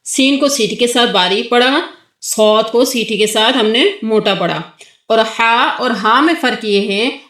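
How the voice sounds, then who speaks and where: A woman's voice: a little high, a bit bright, reverberant. A woman teaching Quranic letter pronunciation to a child, patiently explaining and stretching out sung syllables for the child to repeat. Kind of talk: tajweed lesson with a child.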